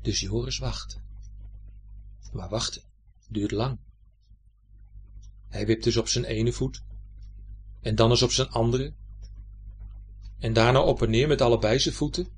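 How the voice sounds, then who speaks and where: A man narrating a children's story in an expressive, lively way. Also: mid-range voice, unhurried, pauses often, a little hiss or hum.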